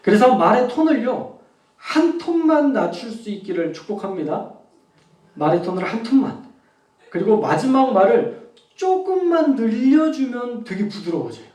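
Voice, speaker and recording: A man preaching a sermon as a pastor, talking in an animated way and acting out different tones of voice. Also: extremely high pitch, normal speed, reverberant, far from the mic. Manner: animated preaching with spoken demonstrations of tone.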